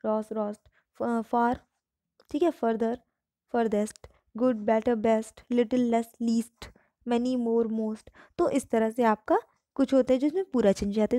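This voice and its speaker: A woman teaching English grammar in Hindi. She reads the English example sentences slowly and clearly. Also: a little high, mellow, no room sound, studio quality. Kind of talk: online grammar lesson.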